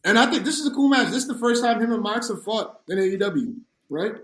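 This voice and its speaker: Co-host, man, high and animated, roomy echo on the recording. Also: quick pace. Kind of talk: casual chat.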